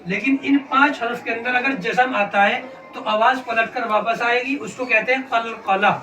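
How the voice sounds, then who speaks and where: This man's voice is extremely high, bright and pushed, with a steady tone and a moderate pace. He leads a call-and-response Quran reading lesson for children, patiently repeating questions and drilling letter sounds. The distant mic captures an echoey, noisy classroom with children's voices and room noise behind him.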